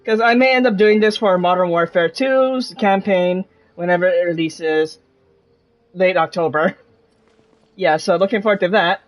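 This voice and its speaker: A game streamer gives casual commentary in a voice that sits high, talking at a moderate pace. He rambles and trails off mid-thought, with game music behind him and dull audio.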